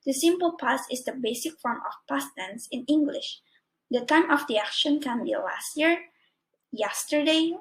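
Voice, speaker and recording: A woman's voice: high-pitched, poor audio. A young woman student with an Indonesian accent, reading a prepared grammar lesson carefully, word by word. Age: young adult. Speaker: student presenter.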